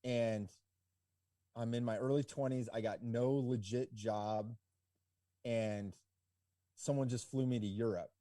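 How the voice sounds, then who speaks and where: A man of around forty, a guest on a podcast interview, telling his story in a relaxed, rambling way full of "like" and "you know". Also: mid-range voice, takes it slowly, long pauses, dry recording, studio quality. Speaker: podcast guest, ski business owner.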